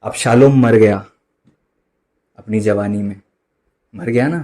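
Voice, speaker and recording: A man preaching a sermon, switching between loud emphatic bursts and quiet dropped asides, slowing right down for quoted lines. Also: lowish voice. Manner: mixes in English phrases and slow drawn-out quotes. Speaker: pastor.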